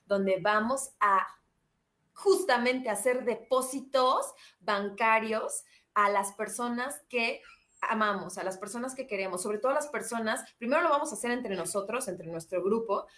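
A woman's voice: fairly high pitch, normal speed, a bit bright, roomy sound. A Mexican woman hosting a self-esteem course in casual, upbeat live-stream talk, chatty and reading viewer comments aloud.

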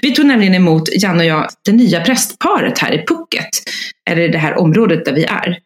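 A middle-aged woman talking casually with a friend. She tells anecdotes with lots of expression, her pitch leaping around as she acts out little bits of dialogue. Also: echoey room. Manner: lively storyteller, acts out voices in anecdotes. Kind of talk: casual chat.

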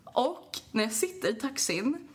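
A young woman co-hosting a casual podcast, telling an animated story, acting out quotes, laughing often and swearing freely. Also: a little high. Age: young adult. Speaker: podcast co-host.

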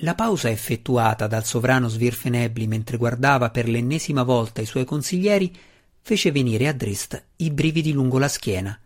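A man's voice: mid-range voice, animated, normal speed. Male narrator reading a fantasy novel. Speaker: audiobook narrator. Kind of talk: scripted narration.

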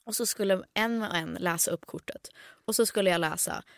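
A woman's voice: fairly low pitch, no echo, studio quality. Young woman from the USA, chatty. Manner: mixes English phrases into Swedish talk. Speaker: podcast co-host. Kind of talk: casual chat.

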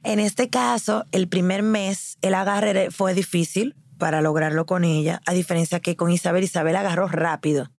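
Gravelly woman telling a story. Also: on the low side, normal speed, few pauses, no echo, clean studio sound. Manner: lively, acts out what others said. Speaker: guest. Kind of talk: casual storytelling.

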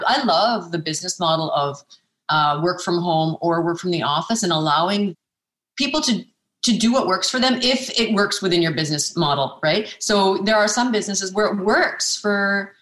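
A woman speaking with a fairly low voice answers interview questions earnestly. She restarts her phrases and often adds a questioning "right?". The sound carries a roomy echo. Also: fairly bright tone. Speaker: naturopathic physician guest.

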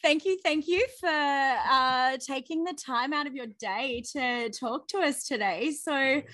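High-voiced gushing woman podcast host. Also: unhurried, bright, forceful tone, dry recording, studio quality. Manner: bubbly, gushing, filler-heavy. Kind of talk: casual chat.

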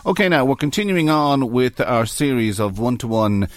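An Irish man hosts live radio from a dry studio. His pitch is middling and his manner is brisk and prodding, keeping an interview moving. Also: expressive, no room sound. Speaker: radio presenter. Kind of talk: live current affairs interview. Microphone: studio microphone.

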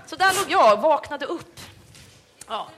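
A young Swedish woman with a Hälsingland accent hosts a live podcast in front of an audience. She tells stories in an animated, comic way, with plenty of fillers. Her voice sits a little high, with faint noise in the background. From Sweden. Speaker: podcast host. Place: live event stage.

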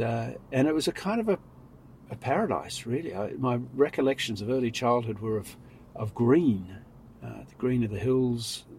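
A middle-aged man, born in Sri Lanka and raised in New Zealand, talks through his family story in a casual interview in a car. He speaks in a measured, reflective way, and his sentences often trail off softly. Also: mid-range voice, poor audio. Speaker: interview guest. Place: inside a car. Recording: faint road noise.

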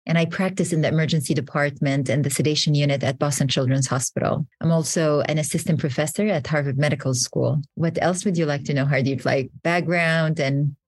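A woman in her forties from Saudi Arabia, a pediatric physician answering interview questions in a measured way with frequent hesitations. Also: low-pitched, fairly even intonation, a little mellow, husky, no echo, clean studio sound. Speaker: pediatric physician, subcommittee co-chair.

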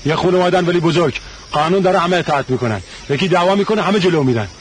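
Drama clip: a man playing a domineering, mocking clansman, fairly high voice, faint hiss behind. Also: close to an everyday voice. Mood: stern. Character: stern proud clansman lecturing his cousin. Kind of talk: TV drama acting.

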